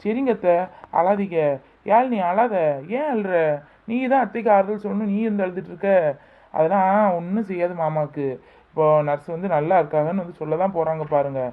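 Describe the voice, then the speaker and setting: A man playing a calm young son-in-law who soothes and reasons with the crying women. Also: high voice, brisk. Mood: soothing. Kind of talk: amateur family skit. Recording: phone-like thin sound.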